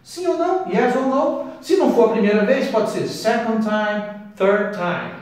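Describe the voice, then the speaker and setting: Brazilian male English teacher, fairly high voice, drags out each example phrase, recorded from a distance in a very echoey room. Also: animated, darkish tone. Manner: slows right down to spell out each English phrase. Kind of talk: explaining at a whiteboard.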